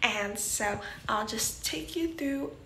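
A teenage girl talks her viewers through the day in a casual vlog, her voice still thick with morning. She chats quickly with rushed little asides, pitched a touch high. The room around her is echoey, with a faint hum of ambience. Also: pushed and bright. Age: teens. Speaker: vlogger.

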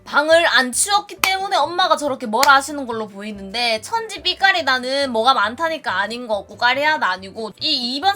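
A woman's voice: high voice, bright, forceful tone. A woman with a Gyeongsang accent, playfully thinking aloud as she works through a dialect quiz. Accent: Gyeongsang Korean. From Gyeongsang region. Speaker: streamer taking a dialect quiz. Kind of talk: casual quiz commentary.

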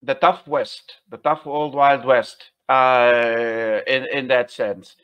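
Man asking halting questions on a dull line. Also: mid-range voice, fairly even intonation, smooth. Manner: halting questions with repeated words. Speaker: host. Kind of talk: interview questions. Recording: dull lo-fi sound.

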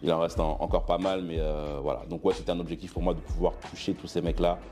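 A man in his thirties with Benin roots, giving a relaxed guest interview in a studio, hesitant with many fillers and restarts. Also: deep voice, fast talker. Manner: gestures broadly while seated. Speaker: brand founder, guest. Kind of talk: casual interview talk. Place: studio room with clothing racks, indoors.

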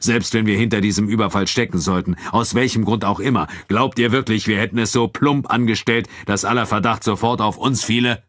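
A surly, scornful male troupe leader in a spoken storybook, played by a man reading it. He growls his lines in a deep, low voice with open contempt. The recording is dry and close. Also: fairly even intonation, a little fast, few pauses, fairly bright tone, no echo.

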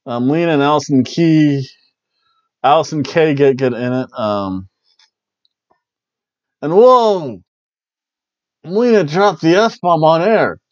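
Recapping wrestling shows in a small home room, a man in his forties keeps the casual review chat jokey and loose, full of playful exclamations. His voice leans high and a little mellow, with lively intonation, a slow pace and frequent pauses. There's no echo, just the dry, dull lo-fi sound of a headset mic on a webcam call.

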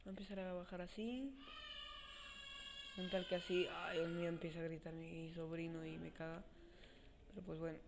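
Here the excitable gaming channel host offers let's play commentary with a slightly high voice at a moderate pace, broken by long pauses. He swears a lot and chats to himself as he plays. Background noise is present, and his standless cheap desk mic leaves him sounding quiet.

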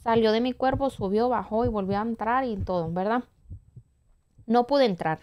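In a reaction video, a woman in her twenties chats animatedly, firing off jumpy exclamations in casual commentary. Her voice sits on the high side at a moderate pace. The recording is muffled and the background noisy.

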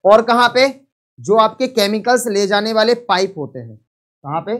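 A man's voice: high-pitched, lively intonation, normal speed, fairly bright tone. Man teaching live class. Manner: repeats points, asks students questions. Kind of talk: live online lecture.

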